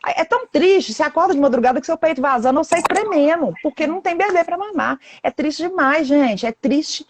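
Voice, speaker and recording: A woman's voice: high voice, expressive, fairly quick. A woman in her thirties on a live video call, telling a painful story with intensity and acting out what people said to her. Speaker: guest sharing her story. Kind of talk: emotional live chat.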